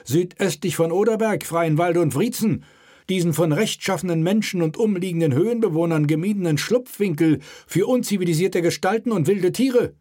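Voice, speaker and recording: A man's voice: high-pitched, normal speed, warm tone, pitched above the performer's own voice. A male reader voicing a stiff royal officer who speaks in a formal, long-winded, officious way.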